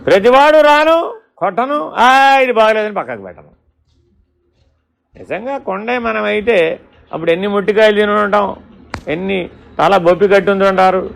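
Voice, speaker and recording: Male spiritual teacher, high-pitched and gravelly, questioning, storytelling discourse. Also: normal speed, long pauses. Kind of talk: Vedanta discourse.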